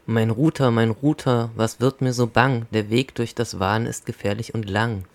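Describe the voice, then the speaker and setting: A man's voice: mid-range voice, steady tone, moderate pace, natural voice. A man voicing an anxious little data packet, pleading fearfully in rhymed verse. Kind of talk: comic poem recitation.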